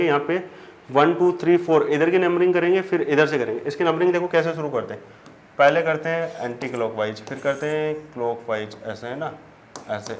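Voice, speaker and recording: A man, teaching chemistry at a board, explaining step by step and answering his own questions. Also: on the high side. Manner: addresses students as children. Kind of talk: whiteboard lesson. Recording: faint background noise.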